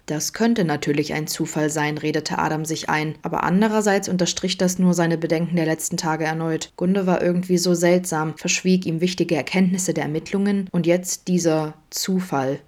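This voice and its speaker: A woman narrating a fan story as a podfic, steady and measured. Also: low voice. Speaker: podfic reader. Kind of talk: scripted narration.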